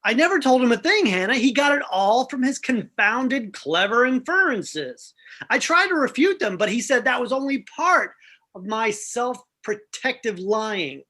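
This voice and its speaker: A woman reading the role of a sheepish husband, with a halting, hesitant delivery in a comic play reading. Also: a little high, sing-song, fairly bright tone, exaggerated voice.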